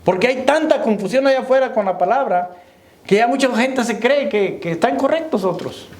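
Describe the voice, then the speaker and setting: A pastor with an extremely high, slightly mellow voice preaches at normal speed, his intonation lively. He calls to the brethren with "hermano" and checks their understanding with "¿me entiende?" The recording carries the echo of a church hall.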